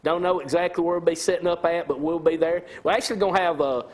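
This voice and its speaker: A man with a Southern American accent, a radio host chatting in a quick, easygoing way. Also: on the high side, fairly even intonation. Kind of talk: casual chat.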